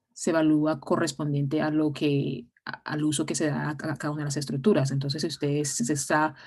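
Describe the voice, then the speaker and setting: A woman with a low, deep voice teaches an online class. She explains things step by step and often pauses on fillers and restarts her phrases. Her tone is patient and practical. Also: darkish tone. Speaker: English teacher.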